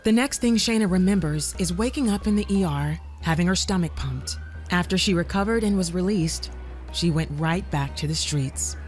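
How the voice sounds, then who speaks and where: A woman narrating a scripted documentary in a measured, even storytelling manner. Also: lowish voice. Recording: soft music underneath.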